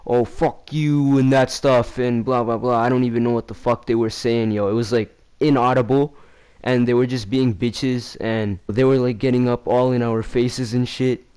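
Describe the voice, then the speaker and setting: Young man, casual storytime vlog, slangy, swears a lot, rambling, mid-pitched voice. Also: clean tone. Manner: acts out quoted lines in a louder, higher voice. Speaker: vlogger.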